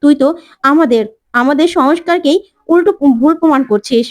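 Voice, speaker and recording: A woman's voice: high voice, a little fast, lightly acted. A woman voicing a stern young man who scolds his sister in a firm, reproachful way.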